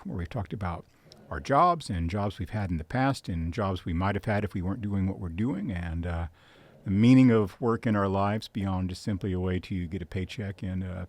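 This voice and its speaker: A man hosting an interview podcast, talking in a relaxed conversational way with frequent filler pauses. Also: sits low, vocal fry. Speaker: podcast host.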